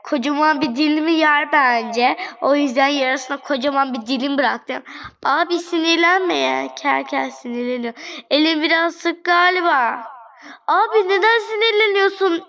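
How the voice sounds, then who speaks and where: A woman's voice: high-pitched, moderate pace, gravelly, a bit bright, poor audio. A woman chatting straight to her viewers while playing a game, playful and fretting. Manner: playful, fretting over angry customers. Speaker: gaming channel host. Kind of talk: let's-play gameplay commentary.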